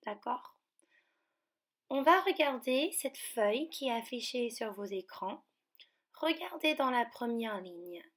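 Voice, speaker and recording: A woman teacher from France leads a remote lesson for young children. She speaks slowly and carefully, drawing out each word, and her voice sits a little high. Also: lively intonation, a bit bright. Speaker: primary school teacher.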